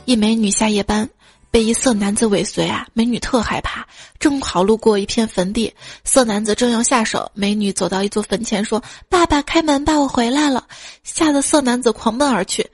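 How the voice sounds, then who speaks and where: A woman with a fairly high voice runs a casual joke show, reading out short funny stories with a playful, giggly delivery. Soft music plays faintly behind her. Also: fairly quick, husky, no room sound. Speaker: podcast host.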